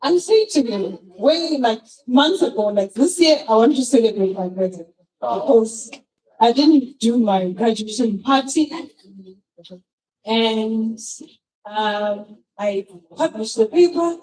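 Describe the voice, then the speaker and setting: A woman telling a personal story with animated energy, acting out quoted exchanges in a mellow, fairly high voice. She is heard at a distance from the microphone. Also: slow. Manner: animated, acts out quoted dialogue. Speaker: guest of honor.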